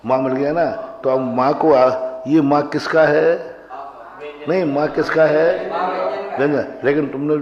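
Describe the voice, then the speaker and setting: Slow-speaking man teaching in a hall. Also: on the high side, little pitch movement. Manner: questions the class and drills pronunciation. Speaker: religious teacher. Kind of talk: Sanskrit grammar class. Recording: roomy hall, dull lo-fi sound.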